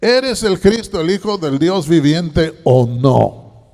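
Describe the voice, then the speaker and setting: A man voicing an angry old high priest who presses a prisoner with loud demands, heard in a reverberant church hall. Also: sing-song, slow, exaggerated voice. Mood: demanding.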